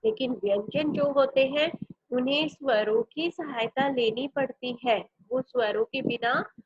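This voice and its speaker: A woman's voice: high voice, measured pace, husky, no echo, dull audio. A woman teaching a grammar lesson, explaining patiently and often checking in with her class.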